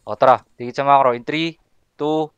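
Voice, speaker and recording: A man in a casual voice chat while gaming, counting down and barking quick commands to his team. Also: medium pitch, fairly even intonation, clear, resonant tone, no echo, highs cut off. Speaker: gamer calling the plays.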